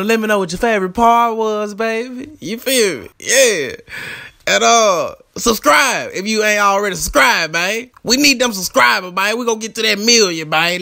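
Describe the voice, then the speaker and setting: A man's voice: high voice, creaky, bright, forceful tone, dry recording, studio quality, heavily acted. A man voicing an irritable cartoon fish cashier in a comic skit, with a brash, mocking, foul-mouthed delivery. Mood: upbeat, brash. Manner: brash, mocking, sweary roasting. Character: irritable, insulting male cartoon fish working as restaurant cashier.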